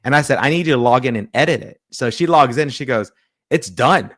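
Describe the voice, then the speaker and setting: A pastor and publisher tells a story in a casual interview, speaking fast at a medium pitch. He animatedly acts out quoted dialogue and often restarts his sentences.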